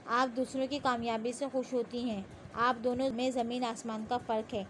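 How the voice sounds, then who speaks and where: A woman reading the part of a gentle, confident young male police officer in an audio novel, speaking softly and persuasively. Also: very high voice, a little hiss or hum. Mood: calm persuasive. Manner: soft-spoken, calm and persuasive.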